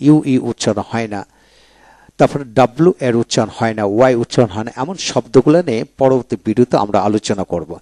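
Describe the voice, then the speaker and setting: A man's voice: mid-range voice, mellow, dry recording. A man teaching English pronunciation, spelling each word letter by letter and then repeating it.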